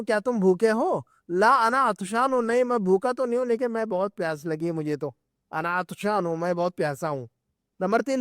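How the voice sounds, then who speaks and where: A man with a notably high voice leads a live Arabic grammar class at an Islamic centre. He explains patiently and repeats himself, drilling each word slowly and stopping often to check the students are with him. The sound is close and dry, with almost no room echo. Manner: patient, repetitive explaining with frequent checks for understanding. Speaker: Arabic teacher.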